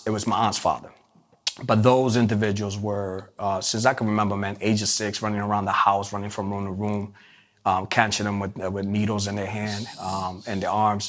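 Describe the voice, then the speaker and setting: A man's voice: fairly low pitch, fairly bright tone. A man from Puerto Rico, telling his life story in an interview with many fillers and restarts. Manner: halting, many restarts and fillers, streetwise phrasing. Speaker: interview guest.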